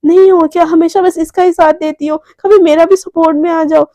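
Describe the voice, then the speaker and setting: A woman's voice: very high-pitched, steady tone, fairly quick, dark tone, dry recording, clean studio sound. A woman voicing a sulky young woman friend who complains in a whiny way.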